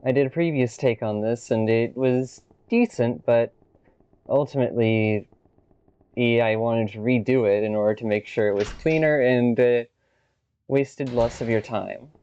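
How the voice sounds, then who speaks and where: A man's voice: mid-range voice, unhurried, mellow, highs cut off, slight background noise. A man casually narrating a video game walkthrough with wry, offhand remarks. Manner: wry, offhand, swears when he slips.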